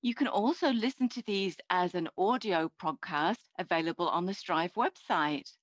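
A woman giving a live interpreter voice-over for a signing host, speaking in measured short phrases. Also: on the low side, no room sound.

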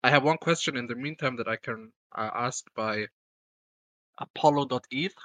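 A man's voice: mid-range voice, moderate pace, pushed and bright, no room sound, rough recording. A man hosting a live community call, reading out audience questions and thanking people. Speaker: AMA host.

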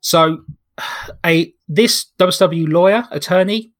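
A British podcast host with a high-sitting voice speaks slowly in a casual, comedic chat reviewing wrestling. His manner is jokey and sarcastic.

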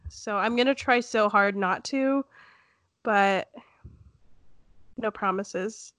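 A woman's voice: medium pitch, takes it slowly, fairly bright tone, no echo, studio quality. A young woman with a stuffy, congested nose, co-hosting a casual chat in a giggly, rambling way. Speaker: podcast co-host.

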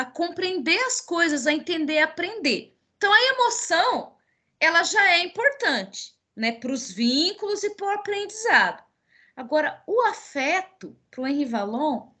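A woman's voice: extremely high pitch, pushed and bright. A woman from Paraná with a Minas Gerais touch in her Brazilian Portuguese, a teacher hosting an educational podcast in a reflective way with frequent restarts. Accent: Brazilian Portuguese with Minas Gerais traits. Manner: reflective, speaks in repeated restarts. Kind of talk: casual educational podcast chat.

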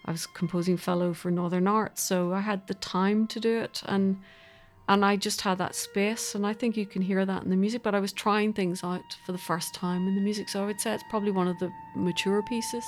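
A woman appears as an interview guest, reflecting on her work as a composer in loose sentences that unfold as she goes. Her mid-range voice holds a steady tone, and she speaks fairly quickly.

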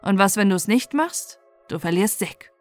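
A woman's voice: medium pitch, animated, moderate pace, no echo, soft background music, natural voice. A woman reading out the chat lines of a crude, threatening teenage boy, in a blunt, bullying way.

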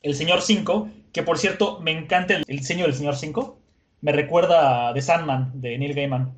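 A man casually recapping an episode, animated and chatty with many fillers. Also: fairly high pitch, moderate pace.

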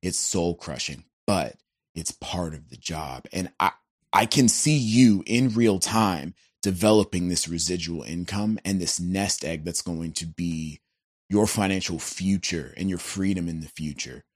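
A man's voice: low-pitched, unhurried, dry recording, studio quality. A man who is a guest musician, talking in an earnest, searching way on a podcast, casual with "bro" and "like".

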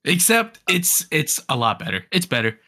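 A young man co-hosting a casual gaming podcast, talking excitedly and rambling with frequent restarts. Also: on the high side, moderate pace. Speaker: podcast co-host. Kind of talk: casual gaming news chat.

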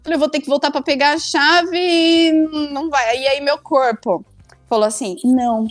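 A woman's voice: high voice, normal speed, no room sound. A young woman tells a funny story casually, acting out her own lines. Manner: animated, acts out her own past lines.

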